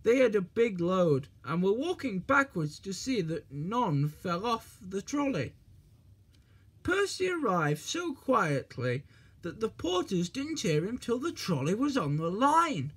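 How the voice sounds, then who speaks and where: A narrator reading a children's railway story aloud in a slow, expressive way. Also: medium pitch, husky.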